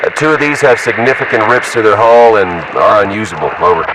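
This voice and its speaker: A man's voice: on the low side, fairly quick. A man playing a male soldier reporting in with radio callsigns, heard over a military radio. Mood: steady. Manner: steady radio procedure with callsigns and hesitant fillers. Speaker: field unit radio operator. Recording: distant noisy radio transmission.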